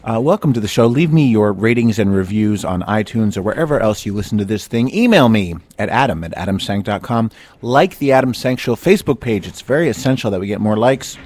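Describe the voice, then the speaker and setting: A man's voice: lowish voice, animated, fairly quick, darkish tone, no echo. A man hosting a comedy podcast from a studio, campy, brash and playful in casual chat. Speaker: podcast host. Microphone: studio mic.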